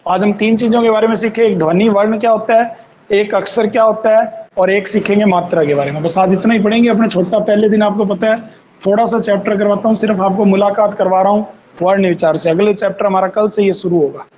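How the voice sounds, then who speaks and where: A man teaching an online grammar class, slowly dictating definitions and repeating phrases for students to copy down. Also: high voice, fairly even intonation, darkish tone, slight background noise, rough recording. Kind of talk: online Hindi grammar lesson.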